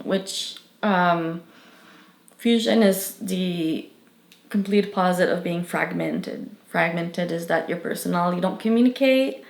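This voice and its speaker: With a creaky, mid-range voice in a roomy-sounding recording, a young Frenchwoman responds to an interview. She speaks with a French accent, thoughtful and sincere, often restarting and using fillers.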